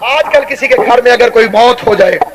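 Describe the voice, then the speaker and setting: Man, very high voice, mourning sermon, fervent preaching, faint background hiss. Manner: emotional preaching voice, chanted and shouted lines. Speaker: Shia majlis orator.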